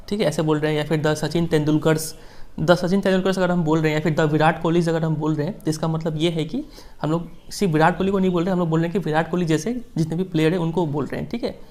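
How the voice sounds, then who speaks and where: Indian guy teaching a class, bit higher voice with some gravel, reads slow then explains chatty. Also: darkish tone. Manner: reads English lines slowly, explains in chatty Hindi, repeats "ठीक है". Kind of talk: Hindi-English class lecture explaining a text.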